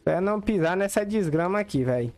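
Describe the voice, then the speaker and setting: A man's voice: high-pitched, lively intonation, a little fast, darkish tone. A young man with a Brazilian Portuguese accent giving slangy, chatty commentary while streaming a game and talking to his chat. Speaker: gaming streamer. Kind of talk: casual gameplay commentary.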